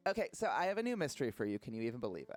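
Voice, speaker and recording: A man's voice: medium pitch, sing-song, measured pace. A man doing a bubbly Valley Girl lady boss. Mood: gushing.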